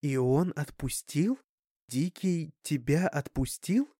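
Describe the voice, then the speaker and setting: A man reading the lines of a calm, protective mother, soft-spoken and measured. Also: on the high side, no echo, studio quality. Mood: careful, probing.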